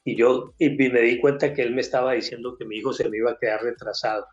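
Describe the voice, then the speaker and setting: A man's voice: medium pitch, flat delivery, fast. An older man with a Colombian accent shares a personal faith testimony. He tells it with emotion and gives each person in the story a voice of their own. The recording sounds a little dull, and faint music plays underneath. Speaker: guest giving a testimony.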